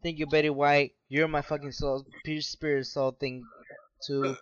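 A man's voice: on the high side, level tone, moderate pace, no room sound. Profane, boisterous man on a dull line. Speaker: podcast co-host. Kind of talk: casual drunken banter. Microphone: no webcam, remote mic.

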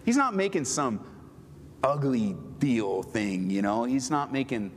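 A middle-aged male pastor preaching a sermon, swinging between loud pleading and quiet tender talk. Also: medium pitch, sing-song, a little slow, big-room sound, slight background noise.

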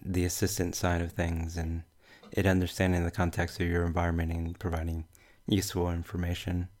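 A man with a broad Kiwi accent speaks in a low, very flat voice. He talks as a panelist in a casual tech discussion, measured and halting as he works through his thoughts. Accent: New Zealand. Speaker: podcast panelist.

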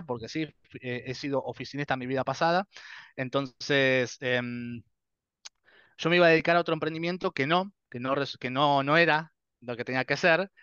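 A man's voice: a little high, a bit bright, smooth, no room sound, lo-fi sound. A man in his thirties with a Rioplatense Spanish accent, telling his story as a guest in a casual interview, acting out dialogues and laughing often. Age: 30s.

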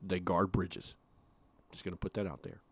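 A man's voice: deep voice, flat delivery, a bit bright, no room sound. A man co-hosting a casual podcast, joking around playfully and stretching words for emphasis. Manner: jokey, playful, drawn-out emphasis. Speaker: podcast co-host.

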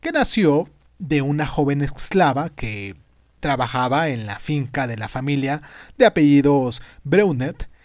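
A man hosting and narrating a scripted story in a dramatic, emphatic way with deliberate pauses. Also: medium pitch, lively intonation, no echo. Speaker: podcast host and narrator.

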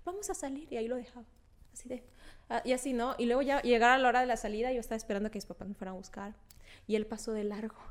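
A young woman hosting a podcast, telling anecdotes in a lively, animated way, acting out quotes and laughing often. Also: on the high side, racing. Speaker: podcast host. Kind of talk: casual chat.

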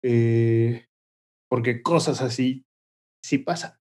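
Mellow-voiced Mexican guy, slangy chat. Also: mid-range voice, takes it slowly. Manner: relaxed, slangy, hesitant fillers. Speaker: podcast co-host. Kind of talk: casual chat.

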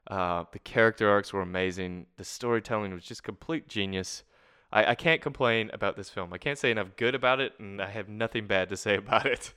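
A young Canadian man hosts a casual film podcast in a bright, crisp voice that sits a little low. He talks with eager enthusiasm and laughs easily. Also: brisk. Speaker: podcast host.

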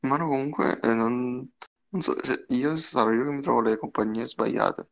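A man's voice: mid-range voice, moderate pace, creaky, a bit bright. A young man with a Neapolitan accent, chatting casually as a podcast co-host on a headset. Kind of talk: casual chat. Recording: dull lo-fi online call audio.

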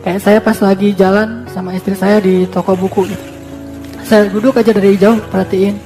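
A man's voice: high voice, flat delivery, normal speed, dark tone, soft background music. A man giving a casual religious talk as a preacher, in a playful, joking way. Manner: playful, joking, teasing delivery.

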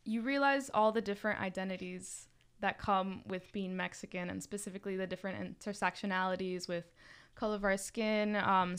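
On a podcast, a young woman from Miami, Florida, who leads a student club, chats casually with many fillers and restarts. She has a mid-range voice with a clean tone.

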